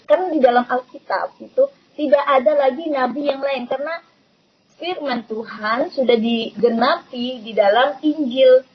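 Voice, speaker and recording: A woman on a choppy online call whose voice keeps breaking up, explaining things in an earnest, halting way. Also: sits high, a little hiss or hum. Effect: choppy online call audio, breaking up. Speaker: participant explaining scripture. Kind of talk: online group call discussion. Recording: dull lo-fi online call line.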